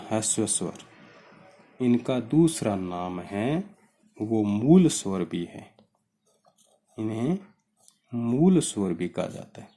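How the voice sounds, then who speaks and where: A man's voice: lowish voice, mellow. A man teaching a grammar lesson, explaining step by step and putting questions to his students.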